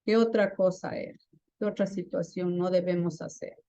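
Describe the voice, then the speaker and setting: A woman with a voice on the low side and a dark tone speaks at normal speed with fairly even intonation. The recording is muffled but has no echo. Teaching a class on active listening, she frequently asks her students questions and tags her points with a questioning "¿no?".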